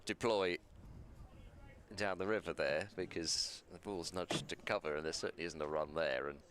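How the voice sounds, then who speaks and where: A man giving ball-by-ball cricket commentary from a balcony box, measured and self-deprecating, often restarting his words. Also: extremely low pitch, steady tone, fairly bright tone.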